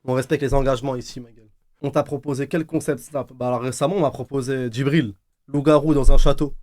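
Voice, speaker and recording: A man's voice: mid-range voice, fairly even intonation, fast talker, a little mellow. A young man guesting on a live stream, chatting in slangy, joking casual talk. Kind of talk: casual chat.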